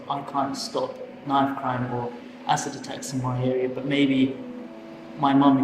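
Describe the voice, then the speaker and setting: A young man talks reflectively, pausing to find his words. His pitch barely moves. The room rings with a long echo and steady noise. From East London. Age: young adult. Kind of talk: interview answer.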